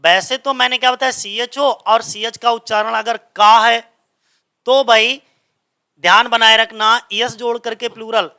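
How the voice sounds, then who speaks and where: A man's voice: very high-pitched, level tone, measured pace, sharp tone, clear, resonant tone. A man teaching English grammar in a coaching class, speaking. He keeps asking the class a question and then answering it himself.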